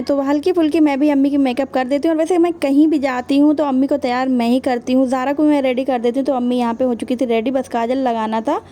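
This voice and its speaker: A woman's voice: high-pitched, dark tone. A young woman casually narrating her day for a vlog, chatting to viewers as friends. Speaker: vlogger.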